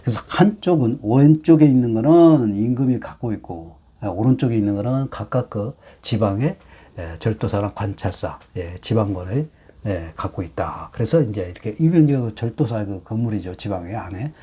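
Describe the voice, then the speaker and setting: Middle-aged guy lecturing on chinese characters, dark husky tone, keeps saying "ye" and asking the class stuff. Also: lowish voice. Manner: explains slowly with many "예" fillers and rhetorical questions. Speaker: hanja teacher.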